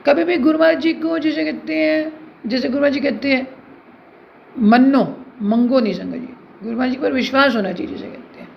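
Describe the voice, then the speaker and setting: Earnest devotional woman with a gravelly voice. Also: sits high, quick pace. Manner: earnest, repeatedly addresses listeners as sangat ji. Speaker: devotee sharing a testimony. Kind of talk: devotional testimony to a congregation. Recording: dull lo-fi recording with faint hiss.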